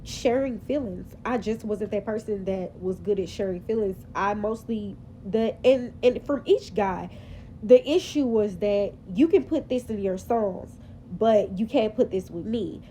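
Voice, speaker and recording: Chatty woman with a mellow voice. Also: mid-range voice, measured pace, slight background noise, low-quality recording. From Memphis, Tennessee, US. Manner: chatty, sassy, rambling with fillers. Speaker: vlogger. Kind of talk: casual confessional vlog. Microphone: phone camera.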